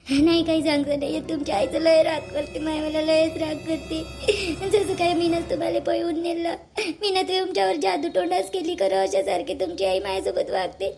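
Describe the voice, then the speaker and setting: A woman's voice: very high voice, moderate pace, darkish tone. A woman, playing a young wife who sobs and complains that her mother-in-law beat her. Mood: sobbing. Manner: sobbing, tearful complaining. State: crying. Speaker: actor in a family drama. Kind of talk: amateur family drama acting.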